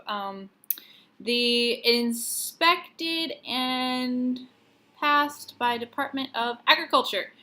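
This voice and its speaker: In a bright, forceful, slightly high voice, a young woman studying nutrition chats informally while making dinner at home on camera. She fills her teaching with plenty of fillers, and the kitchen gives the audio an echo.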